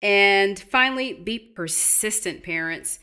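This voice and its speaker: A woman's voice: mid-range voice, animated, slow pace, sharp tone, clear, resonant tone. A middle-aged woman and teacher explaining spelling tips to parents in a patient, encouraging way, spelling words out letter by letter. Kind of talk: instructional talk to parents.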